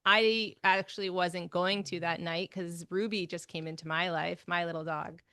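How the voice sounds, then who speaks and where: A woman's voice: lowish voice, steady tone, normal speed, pushed and bright, clean tone. A woman guest, a musician and songwriter, telling a story in a casual interview and laughing often.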